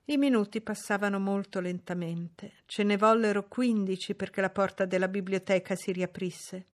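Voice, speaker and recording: A woman reading a novel aloud as an audiobook narrator, in a measured, expressive way. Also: medium pitch.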